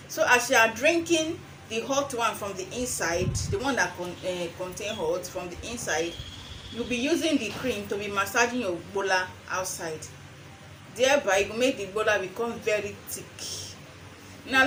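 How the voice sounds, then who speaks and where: Medium-pitched and a bit bright, this woman is heard through poor audio with slight background noise. A young adult herbal remedy seller and vlogger with a Nigerian accent, she demonstrates a how-to informally, mixing English with Pidgin phrasing and repeating phrases for emphasis.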